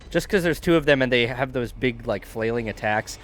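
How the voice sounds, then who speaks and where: A man on a game stream, chatting in a loose, rambling way. He guides his co-player, restarts his sentences and often trails off quietly. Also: medium pitch, brisk. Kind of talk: casual chat.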